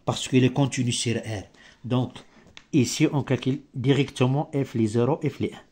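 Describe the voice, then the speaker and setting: A male maths teacher, not a native French speaker, explaining step by step in halting, broken French with grammatical slips and searches for words. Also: medium pitch, fairly even intonation, darkish tone, breathy edge. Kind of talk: improvised maths lesson.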